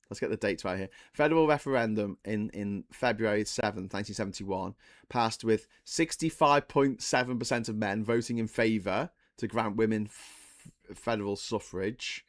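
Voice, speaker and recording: A man's voice: medium pitch, no room sound, studio quality. A man in his forties hosting a casual live stream, rambling through trivia, correcting himself often and talking to his chat. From England. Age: 40s. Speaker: livestream host.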